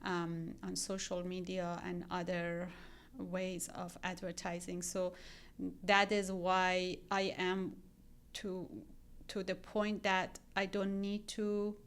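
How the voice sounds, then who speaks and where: A woman's voice: lowish voice, flat delivery, slow, clear, resonant tone. A woman from Iran with an Iranian accent, a guest in a casual podcast interview, talking earnestly with frequent ums and restarts. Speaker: guest real estate agent.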